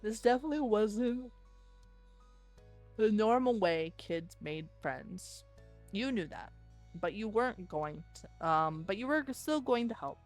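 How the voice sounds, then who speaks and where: A woman streamer reading a visual novel aloud and thinking out loud between lines in a chatty way. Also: mid-range voice, animated, measured pace, long pauses, faint music behind.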